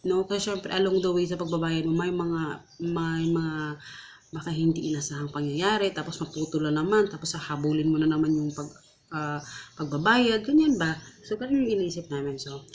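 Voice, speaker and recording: A woman's voice: low-pitched, normal speed, a little hiss or hum. Earnest Visayan woman rambling through a story. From Visayas, Philippines. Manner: earnest, rambling, many fillers and restarts. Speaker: vlogger. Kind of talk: casual personal storytelling.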